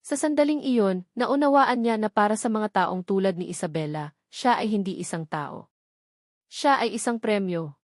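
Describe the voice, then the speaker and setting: A woman with a Filipino accent reads out a dramatic, scripted romance story as narrator, her mid-range voice slightly mellow. The studio sound is clean and echo-free.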